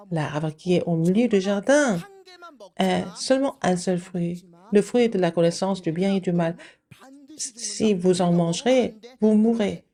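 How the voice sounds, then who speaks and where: A woman giving a children's sermon, asking the kids questions and answering them, with sudden high exclamations. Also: warm tone. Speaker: kindergarten preacher.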